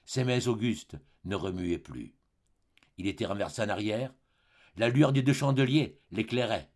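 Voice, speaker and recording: A man reading a classic novel aloud as an audiobook narrator, measured and expressive. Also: lowish voice. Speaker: audiobook reader.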